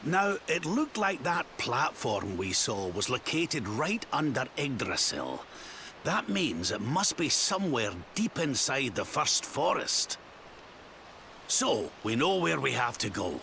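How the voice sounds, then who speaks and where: In a video game cutscene, an actor voices a genial, crafty old Scottish king who travels as a chatty companion, brisk and cheerful. His mid-range voice is sing-song, slow, and creaky, heavily acted, with slight background noise and loud game music behind.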